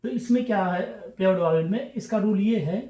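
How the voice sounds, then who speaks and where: A man's voice: high voice, moderate pace, dark tone. Patient man teaching in an echoey room. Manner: patient, repetitive explaining, checking in often. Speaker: English teacher. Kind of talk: classroom-style grammar lesson.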